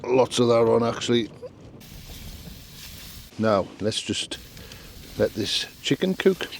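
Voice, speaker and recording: A Northern English man with a mid-range voice chats casually to camera from inside a small tent outdoors, a solo camping vlogger musing aloud in a down-to-earth, understated way. He speaks slowly but with animation, and there's a little hiss or hum on the recording.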